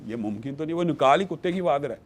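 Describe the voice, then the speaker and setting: A man's voice: on the high side, expressive. A man speaking emphatically as a panelist in a studio discussion, quoting scripture to build his argument. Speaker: religious panelist.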